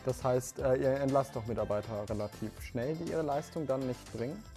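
A man hosting an interview, asking questions in a quick, chatty way. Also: medium pitch, warm tone, soft background music. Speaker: podcast host, interviewer.

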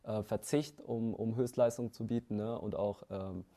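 A man's voice: fairly low pitch, steady tone, normal speed, vocal fry, mellow. A man in his twenties, founder of a company, answering interview questions casually with many fillers and restarts. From Germany. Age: 20s. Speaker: founder and CEO, interview guest.

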